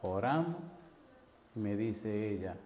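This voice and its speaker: A man's voice: fairly low pitch, expressive, slow, mellow, a little hiss or hum. A male pastor preaching a sermon, telling a dramatic personal story and speaking directly to his congregation. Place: church hall. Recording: reverberant church hall with faint ambience.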